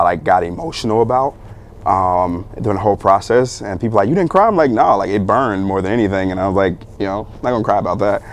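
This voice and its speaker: Deep-voiced young man telling a story. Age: young adult. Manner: animated, laughing retelling with many fillers. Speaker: guest. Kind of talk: casual storytelling interview.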